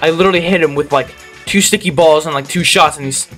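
A young man giving gameplay commentary as a channel host, ranting in exasperation and bursting into loud disbelief. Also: a little high, fast, soft background music.

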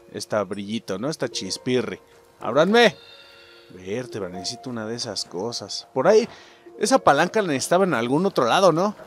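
A Mexican-accented man does lively let's-play commentary, his pitch leaping up into yelps and shouts before dropping back to muttered curses. The talk is loose, profane and full of reactions. Faint game music plays underneath. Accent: Mexican Spanish. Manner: excitable, swearing, yelps and shouts at scares. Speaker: gaming YouTuber.

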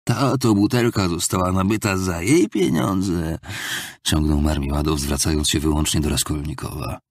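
A man's voice: low voice, normal speed. A man voicing a drunken, ruined middle-aged clerk who pleads and bursts into anguished self-pity. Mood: pleading. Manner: pleading, theatrical, rising to anguished outbursts.

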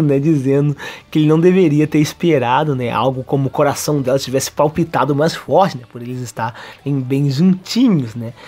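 A man, an anime and manga reviewer, recapping a chapter in an excitable way and laughing often. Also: fairly high pitch.

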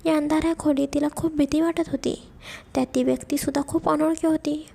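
A woman storyteller narrating a romance story for her channel in a steady, scripted way. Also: high-pitched, fast talker, creaky.

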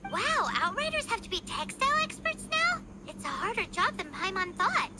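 A woman voicing a tiny, excitable childlike fairy companion in an overacted anime game dub, with a squeaky voice. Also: normal speed, loud music behind the voice. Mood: amazed.

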